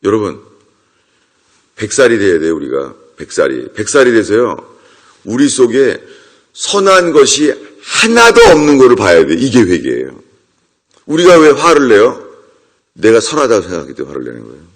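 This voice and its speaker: A man's voice: on the low side, huge pitch swings, moderate pace, long pauses. A middle-aged man preaching a sermon as a pastor, emphatic, acting out quoted voices.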